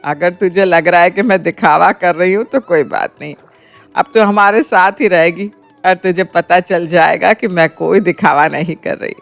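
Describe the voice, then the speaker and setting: Female VO: caring middle-aged mother-in-law, gentle, affectionately scolding, cartoon. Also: on the low side, moderate pace, gravelly, soft background music. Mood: coaxing. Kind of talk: cartoon voice acting.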